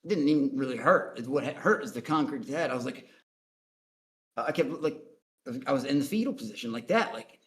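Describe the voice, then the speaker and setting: A man's voice: medium pitch, expressive, a little fast. A man guest on a call-in interview, telling his story in a blunt, profane, rambling way. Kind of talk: casual storytelling.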